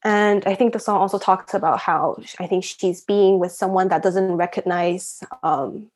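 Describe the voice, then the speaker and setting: This young adult from Shanghai, China, has a medium-pitched, steady, slightly mellow voice and a moderate pace. She's a university student and interview guest, chatty and giggly, using "like" a lot as she casually recounts personal anecdotes.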